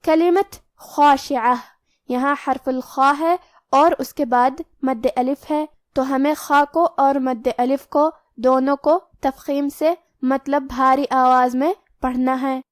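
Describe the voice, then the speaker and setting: A woman teaching the rules of Quran recitation, explaining each rule step by step and then reciting the word slowly. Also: high voice, steady tone, dry recording, studio quality. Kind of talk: tajweed lesson, explaining letter rules.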